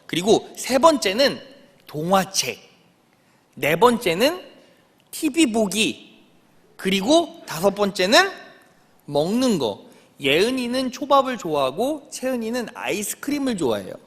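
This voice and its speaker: Man, young adult, pastor, sermon, high and animated voice, questions to the congregation, long church reverb. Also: unhurried, long pauses, breathy edge. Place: church sanctuary.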